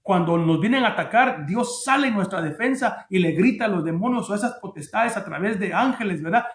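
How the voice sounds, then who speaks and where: A man's voice: sits high, echoey room. A man preaching a sermon as pastor, speaking to his listeners as brother, with emphatic exclamations and frequent stammered restarts.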